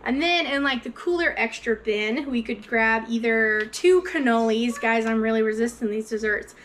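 A woman's voice: a little high, normal speed, fairly bright tone, slight background noise. A mother in her thirties chatting casually and enthusiastically to viewers in her home kitchen as she unpacks groceries. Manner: upbeat, enthusiastic, talks straight to viewers. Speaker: vlogger, mother.

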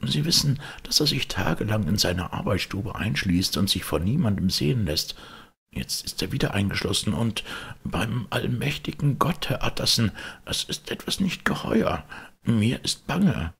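A man reading aloud, voicing a frightened old male servant who speaks in a trembling, hoarse voice. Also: fairly low pitch, sing-song, moderate pace, a bit bright, pitched above the performer's own voice, full character voice. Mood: fearful, trembling.

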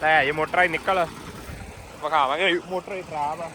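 A man's voice: a little high, steady tone, moderate pace, bright, forceful tone. A young man with a Punjabi accent bantering casually with a friend outdoors. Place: outdoors on a farm. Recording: outdoor recording with faint engine noise.

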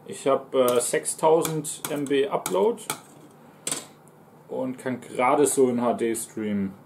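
A German-accented man in his twenties streams and eats from a sofa in a small living room, reading out viewers' messages and answering them between mouthfuls. He's a mukbang host with a medium-pitched, creaky voice and takes things slowly, with a noisy background behind him.

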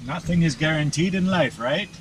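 A man's voice: on the high side, moderate pace. A man working as a paragliding pilot, bantering in a dry, joking way. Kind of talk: casual chat. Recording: distant voice under loud noise.

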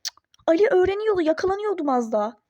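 A sarcastic, fed-up young mother in a phone-game role-play story, voiced by a woman. She talks high but with a mellow, dark tone, and snaps back with exasperation. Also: big pitch swings, fast talker, muffled recording. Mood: exasperated. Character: irritable young pregnant mother, fed up, skeptical.

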